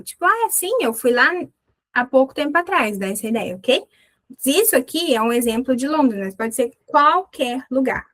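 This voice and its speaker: A woman teaching an English lesson, chatting casually and slowing down to repeat English phrases carefully. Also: on the high side, a bit bright, poor audio. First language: Portuguese. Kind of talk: live online English lesson.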